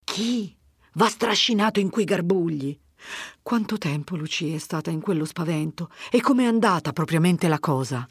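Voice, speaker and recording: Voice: medium pitch, expressive, slightly rough, dry recording, clean studio sound, voice pushed up. A reader voicing an anxious older village mother who fires off worried questions. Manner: worried, pleading, rapid questions.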